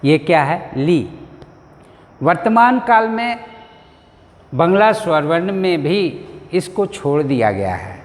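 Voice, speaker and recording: A man's voice: fairly high pitch, big pitch swings, takes it slowly, pauses often, in a large hall. A man teaching a language lesson, speaking patiently and drilling letters for pupils to repeat. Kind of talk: slow spoken language lesson.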